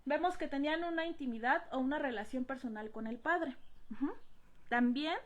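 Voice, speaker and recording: Woman teaching, higher voice. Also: normal speed, highs cut off. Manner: hesitant, frequent "eh" and tag questions "¿no?". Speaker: Bible teacher. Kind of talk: Bible study lesson.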